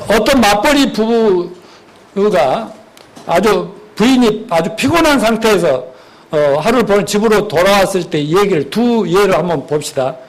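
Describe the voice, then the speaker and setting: High-voiced pastor preaching. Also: male voice, poor audio. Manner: animated, acts out dialogues in different voices. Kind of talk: sermon.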